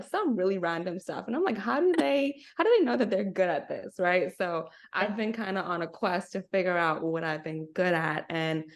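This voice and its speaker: A young woman from the Bahamas, co-hosting a podcast in casual, reflective chat over a call. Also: fairly low pitch. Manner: reflective, self-introducing, often says "kinda" and "right?". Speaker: podcast co-host. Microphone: video call.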